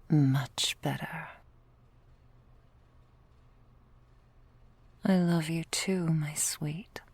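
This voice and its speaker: A woman in a deep, exaggerated voice acts as a drowsy, possessive, doting ancient vampire girlfriend in soft, breathy ASMR roleplay, recorded dry and close to the mic. She speaks languidly and teasingly, in formal, old-fashioned phrases, with a tender mood.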